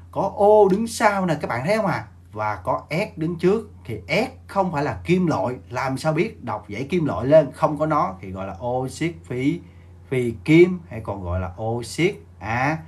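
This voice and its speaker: A male teacher giving a livestreamed exam review lesson, repeating words, quizzing viewers and asking them to like and share. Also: fairly high pitch. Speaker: online math and chemistry teacher.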